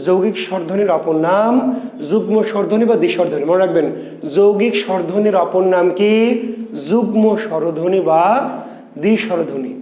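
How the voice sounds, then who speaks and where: A man's voice: high-pitched, warm tone. A male teacher giving an exam-prep grammar lesson, drilling each point with repeated questions and answers. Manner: slows to spell out sounds. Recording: echoey room.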